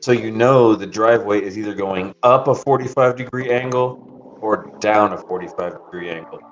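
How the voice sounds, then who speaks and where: A man's voice: fairly low pitch, moderate pace, slight background noise. A man streaming while driving deliveries, chatting casually and telling rambling, profane stories with frequent laughs. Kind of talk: casual chat, storytelling. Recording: dull lo-fi stream audio with faint music.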